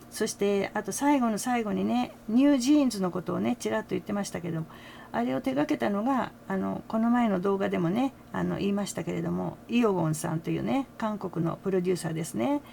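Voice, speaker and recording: Chatty older woman, gravelly voice. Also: mid-range voice, mellow, slight background noise. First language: Japanese. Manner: chatty, frequent "ne" tags and small laughs. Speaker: fan channel host. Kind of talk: casual commentary to camera.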